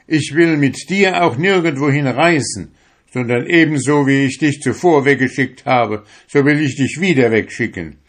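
A man's voice: mid-range voice, normal speed, pitched above the performer's own voice, natural voice. A man voicing an anguished, defiant young fisherman in a storybook reading, crying out and accusing. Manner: cries out, pleading and accusing.

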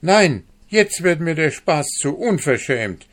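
A man reading a fairy tale aloud, voicing an angry market woman who scolds in shrill, scornful outbursts. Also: sing-song, slow pace, a bit bright, heavily acted. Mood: indignant.

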